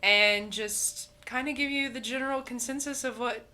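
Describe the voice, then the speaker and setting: A woman's voice: a little high, steady tone, normal speed, bright, forceful tone, faint music behind. A woman in her twenties from Indiana, co-hosting a podcast in casual chat, blunt and laughing with frequent ums. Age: 20s. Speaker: podcast co-host.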